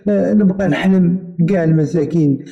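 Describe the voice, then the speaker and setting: A man's voice: high-pitched, fast talker, creaky, muffled recording, crowd noise, pitched above the performer's own voice. A man with a Moroccan accent voicing a poor teenage daughter, speaking in a shaky, pleading way. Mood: tearful.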